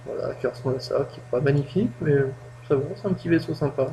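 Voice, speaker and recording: Casting note: man, somewhat high voice, chatty self-mocking game tutorial host, low-quality home mic with faint hum. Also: fast talker, creaky, warm tone. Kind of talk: casual gameplay tutorial.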